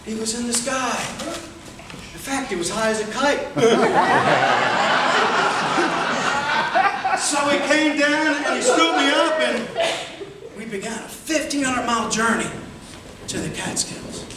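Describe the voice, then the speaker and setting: A man's voice: extremely high pitch, very animated, very echoey. Male storyteller, folksy comic tall tale, theatrical delivery; distant mic in a noisy room. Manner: theatrical, with dramatic pauses and exclamations. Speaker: contestant in a tall tales speech contest. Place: indoor room with a live audience.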